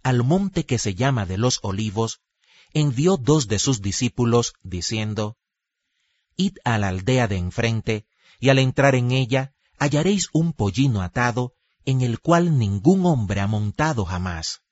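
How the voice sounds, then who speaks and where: A man reading scripture as a solemn, measured biblical epic narrator, with deliberate pauses. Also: mid-range voice, animated, no room sound. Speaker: Bible narrator. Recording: dull lo-fi recording with music behind. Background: music.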